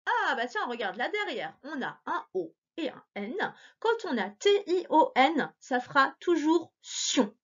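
A woman's voice: sits high, big pitch swings, measured pace, few pauses, a bit bright. A woman teacher giving a remote reading lesson to young children, sounding out words syllable by syllable in a patient, encouraging way. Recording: dull lo-fi recording.

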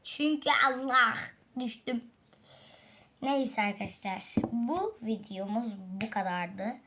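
A woman's voice: a little high, expressive, slow, noisy background. Chatty woman narrating her gameplay. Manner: chatty, sighing, laughing at her own fails. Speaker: gaming channel host. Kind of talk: casual let's-play commentary. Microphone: tablet.

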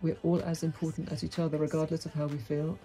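Quick and warm, with little pitch movement, a middle-aged woman's deep voice fills a small, dim room with a brick wall as she vlogs candidly to camera. She is outspoken, frank and wry, and faint music plays behind her.

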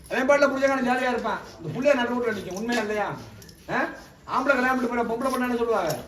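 A man from Tamil Nadu, a temple priest performing an exorcism, scolding and commanding the spirit, often shouting. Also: very high-pitched. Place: temple, outdoors or open hall. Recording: echoey, distant mic, noisy.

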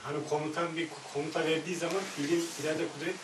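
Man, student question, fast, distant, echoey room, crowd. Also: on the high side, little pitch movement. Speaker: student in the circle. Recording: far from mic, roomy, crowd around.

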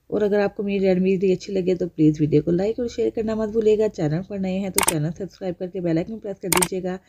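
Lady chatting thru a diy remedy voiceover, mellow voice, kinda dull lo-fi sound. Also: lowish voice. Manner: chatty, repeats instructions, talks straight to the viewer. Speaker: home remedy channel host. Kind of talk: casual how-to voice-over. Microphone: voice-over over hands-only cooking footage.

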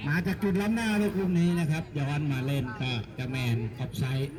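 A man's voice: animated, a little fast. A man giving chatty local football commentary at an outdoor field, joking with people nearby. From Thailand. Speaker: match commentator. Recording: loud crowd at a pitch.

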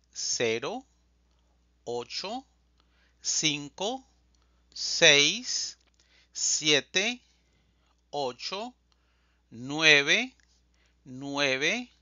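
A man teaching a language lesson, reading phrases slowly and deliberately and repeating them for learners. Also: a little high, sharp tone, dry recording, lo-fi sound. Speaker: Spanish teacher. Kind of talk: slow scripted language lesson.

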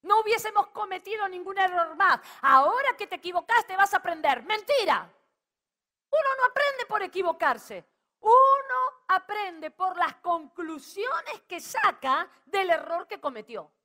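An extremely high, sharp-toned voice belongs to a middle-aged Argentine woman preaching, expressive and a little slow. Speaking with a Rioplatense accent, she stirs the congregation and calls on them to call back.

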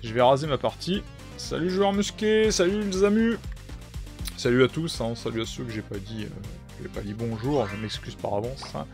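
A young man commentates his live game stream in a relaxed, chatty way, greeting viewers and filling pauses with hesitations. His voice has a gravelly edge at a middle pitch. Faint game music plays underneath. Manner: chatty, greets chat viewers, many fillers.

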